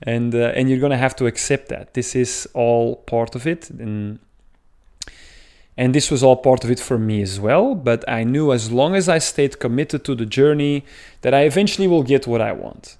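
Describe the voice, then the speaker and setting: A Belgian dating coach with a thick Belgian accent talks earnestly to camera in a talking-head advice video. He explains things at length with frequent filler sounds, speaking at normal speed in a medium-pitched, slightly mellow voice.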